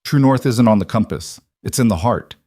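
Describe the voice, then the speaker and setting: A man narrating a scripted story in a measured, terse, deadpan manner. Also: medium pitch, no room sound, clean studio sound.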